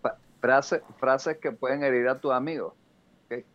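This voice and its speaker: A man's voice: medium pitch, steady tone, unhurried, fairly bright tone. Joking man, slightly lo-fi. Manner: joking, laughs while talking, says "hermano" a lot. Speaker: podcast co-host. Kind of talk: casual comedic podcast chat. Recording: slightly dull lo-fi audio.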